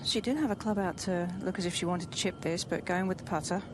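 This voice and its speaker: A woman giving live golf analysis in a measured, explanatory manner. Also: fairly low pitch. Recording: noisy outdoor broadcast ambience. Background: outdoor golf course ambience.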